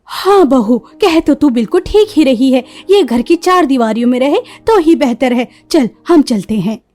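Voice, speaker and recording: Woman doing a bossy older mother-in-law for a cartoon, low and scolding. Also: animated, moderate pace, warm tone. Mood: sweet. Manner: scolding, commanding.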